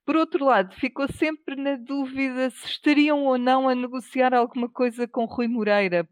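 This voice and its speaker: A woman with a European Portuguese accent, giving political commentary on a panel with measured, hesitant restarts. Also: a little high, no echo. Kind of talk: panel discussion.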